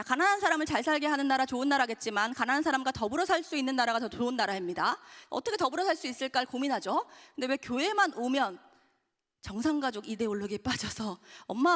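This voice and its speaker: A woman's voice: fairly high pitch, a bit bright. A woman, an author, telling a story to an audience in an earnest way and speaking to them directly. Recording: hall with long reverb.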